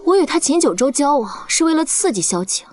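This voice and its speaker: A woman's voice: sits high, very animated, brisk, darkish tone. A haughty young noblewoman. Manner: imperious, scornful. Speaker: noble lady.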